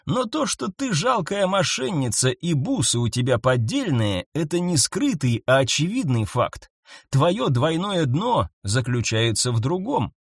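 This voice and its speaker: A man voicing a curt, stern private detective who speaks slowly and commandingly. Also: a little high, very animated, slightly rough, dry recording, clean studio sound, exaggerated voice. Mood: cutting. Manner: slow, clipped, commanding.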